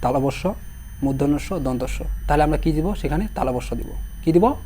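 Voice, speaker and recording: A young man with a hoarse voice teaching an online exam-prep lesson, repeating each word slowly while spelling it out and asking his students questions. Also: on the high side, animated, mellow, a little hiss or hum.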